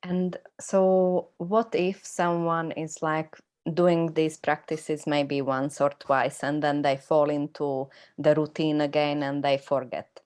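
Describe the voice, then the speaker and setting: A woman interviewer with a low, very even voice. She keeps her questions short and simply prompts her guest to go on. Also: takes it slowly. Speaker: interviewer, host. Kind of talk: conversational interview.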